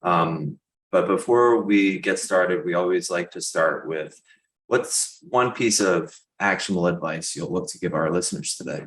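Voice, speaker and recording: A man with a very low, deep voice hosting a podcast interview. He talks in an upbeat, affirming way as he steers the conversation. The room around him sounds echoey. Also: measured pace, slight background noise. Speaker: podcast host.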